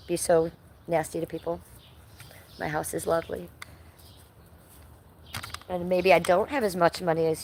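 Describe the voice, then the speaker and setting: A woman with a lowish voice, a bit of hiss or hum behind her. On a casual livestream from her Ohio home, she walks the backyard outdoors, sounding stuffy and nasal from allergies, cursing freely, chatting, and replying to chat.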